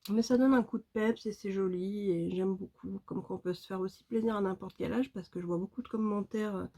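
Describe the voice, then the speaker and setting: A beauty vlogger chats with her viewers about makeup in a casual, excited way, using many fillers. Her voice is mellow and mid-range, steady in tone and fairly quick.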